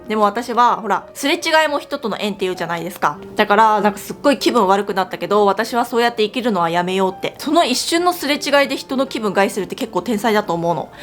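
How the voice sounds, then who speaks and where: A woman from Japan chatting casually as a beauty vlogger while she does her makeup, telling stories in an animated way. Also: medium pitch.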